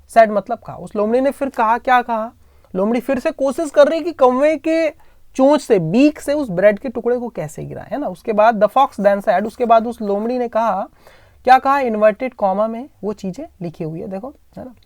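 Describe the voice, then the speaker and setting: A woman's voice: a little high, a little mellow, no echo, studio quality. A woman patiently explains English grammar as a teacher, repeating points and checking in with tag questions.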